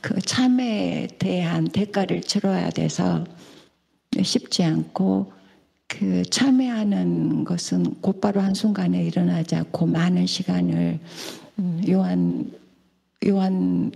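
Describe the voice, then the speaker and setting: Rapid, gravelly woman student. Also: lowish voice, warm tone. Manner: hesitant, many fillers. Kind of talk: answering in class.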